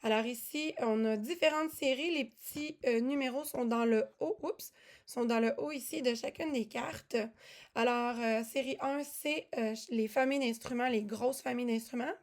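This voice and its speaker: A woman presents music lesson materials in a casual walkthrough. Her voice sits slightly high, and she talks in a chatty way, with frequent fillers and self-corrections. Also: normal speed. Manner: chatty, many fillers and restarts. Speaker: music teaching resource presenter.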